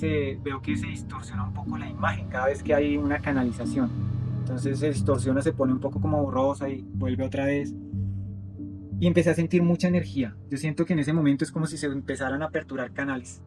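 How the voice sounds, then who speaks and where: A man's voice: fairly high pitch, a little mellow. A man telling his own story in a casual, hesitant way, with many fillers and repeated words. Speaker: interview guest sharing a testimony. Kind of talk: casual first-person storytelling. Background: music playing under the voice.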